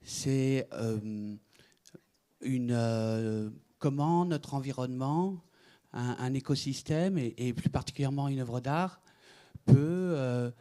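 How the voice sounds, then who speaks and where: A middle-aged Frenchman gives a conference presentation, sounding hesitant and using many fillers and restarts. His voice is mid-range and warm, and he speaks slowly.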